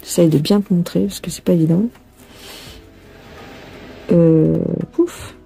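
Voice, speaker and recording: In a laid-back embroidery tutorial, a woman explains cross-stitch as she goes, chatting and musing aloud to the viewer while a phone captures her hands. Her voice is lowish, dark and gravelly, steady in tone and measured in pace, with faint background music.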